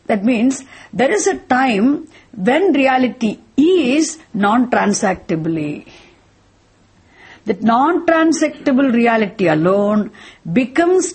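A woman with a South Indian accent and a husky voice, teaching a philosophy lesson in a didactic way, repeating points and posing rhetorical questions. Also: on the high side, darkish tone. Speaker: Vedanta teacher.

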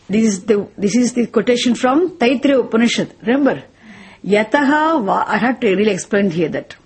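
Woman, South Indian accent, higher-pitched, slightly raspy, didactic philosophy lecture, repetitive rhetorical questions. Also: a little mellow. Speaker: Vedanta teacher. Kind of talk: spoken philosophy lesson.

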